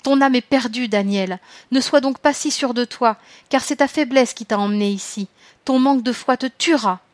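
A woman's voice: a little high, a little slow, a little mellow, no room sound, close to an everyday voice. A woman voicing a sly, menacing male spirit in an audiobook, with a threatening, scornful delivery.

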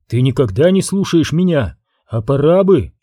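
A man reading an audiobook, voicing a rancher's young son who speaks quietly and calmly. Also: on the high side, moderate pace, no room sound, clean studio sound. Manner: quiet, calm.

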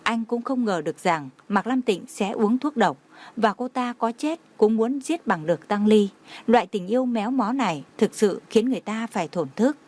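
A woman's voice: fairly high pitch, animated, normal speed, darkish tone. A woman reading a romance novel aloud as a narrator, voicing every character's lines in her own voice. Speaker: audiobook narrator.

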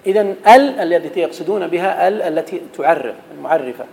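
A man's voice: sits high, animated, fast talker, gravelly, darkish tone, in a large hall, low-quality recording. A man teaching an Arabic grammar lesson, quizzing his students and reciting verse. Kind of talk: classroom lesson.

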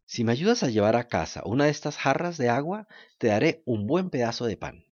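A man voicing a kind, patient, motherly fairy woman who speaks softly and scolds gently. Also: medium pitch, fairly quick, no echo, muffled recording. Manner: calm soft-spoken, gently scolding.

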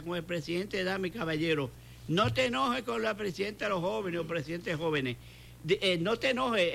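An older Puerto Rican pastor speaks in a high, creaky, fairly bright voice with a Puerto Rican Spanish accent over slight background noise. On a talk show he gives a fervent preaching testimony, repeating phrases for emphasis and acting out quoted dialogue.

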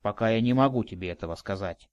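A man's voice: fairly low pitch, fast, clear, resonant tone, dry recording, dull audio, voice pushed down, natural voice. A man reading a sullen evasive boy. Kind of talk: audiobook dialogue.

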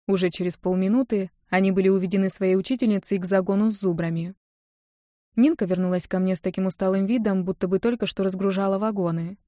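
A woman narrating a first-person audiobook in a calm, even storytelling manner. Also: medium pitch, quick pace, no echo, studio quality.

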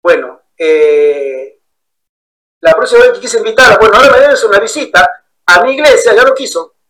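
Bright, high-voiced male preacher. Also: moderate pace, low-quality recording. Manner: animated storyteller acting out quoted voices. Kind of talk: sermon-style Bible study with storytelling.

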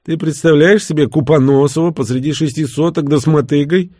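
A man's voice: on the high side, steady tone, a little fast, a little mellow, no room sound, studio quality, voice pushed up, close to an everyday voice. A man voicing a sly, teasing middle-aged former commando who now owns a hotel. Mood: boastful. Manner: brash, teasing, boastful.

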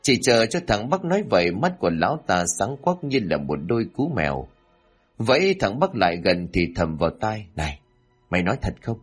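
Expressive male storyteller, husky low voice. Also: normal speed, soft background music. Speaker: audiobook narrator. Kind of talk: storytelling narration.

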